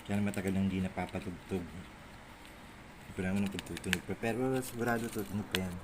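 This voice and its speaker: In a brisk, low-pitched voice with fairly even intonation, a middle-aged Filipino man rambles through impromptu show-and-tell of his cassettes. He has a Manila Tagalog accent, mutters to himself, and records on a handheld phone whose audio is noisy.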